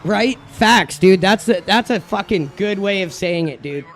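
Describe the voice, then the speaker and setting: A man's voice: sits high, expressive, a little slow, a bit bright, slight background noise. A man giving casual video game commentary as a streamer, talking like a frat bro with heavy slang, swearing and exasperated ranting. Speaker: gaming streamer.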